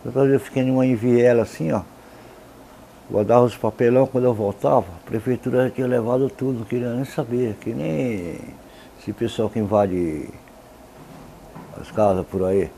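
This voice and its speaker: Rich: A man with a very dark, gravelly voice speaks plainly and with a grievance. A faint hum of the outdoors sits behind him. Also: medium pitch, moderate pace. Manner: plain-spoken, complaining. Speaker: interviewee, formerly homeless. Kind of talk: documentary testimony.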